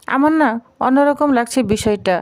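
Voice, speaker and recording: Brief: a woman playing a wary aunt sharing her doubts, confiding, high voice. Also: normal speed, natural voice. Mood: suspicious. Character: suspicious young married woman, gossiping aunt.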